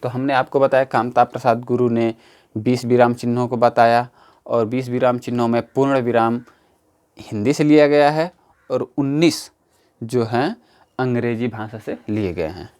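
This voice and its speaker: A man teaching a grammar lesson for exam preparation, slowly, repeating key terms and explaining step by step. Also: mid-range voice, darkish tone, smooth. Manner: slow, repetitive, explaining step by step.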